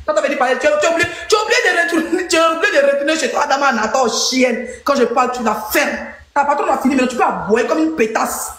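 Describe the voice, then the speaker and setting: A woman in a heated live-stream clash, mocking and shouting insults between laughs. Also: sits high, quick pace, reverberant.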